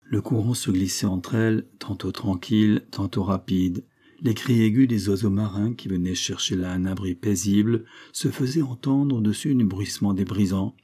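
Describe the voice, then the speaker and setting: Man, audiobook narrator, measured reading, low voice, dark mellow tone. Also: slightly rough.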